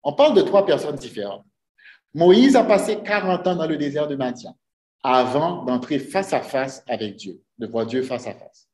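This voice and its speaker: A man's voice: fairly high pitch, lively intonation, normal speed, darkish tone. A man preaching a sermon to his congregation, earnest, often putting rhetorical questions to them. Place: church sanctuary. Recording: echoey church room.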